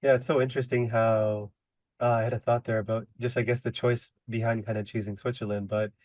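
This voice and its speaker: A man's voice: mid-range voice, level tone, fairly quick, darkish tone, no echo. A man hosting a podcast, with an easygoing, casual manner and lots of "like" and "kind of". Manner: easygoing, says "like" and "kind of" a lot. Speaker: podcast host. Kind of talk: casual interview talk.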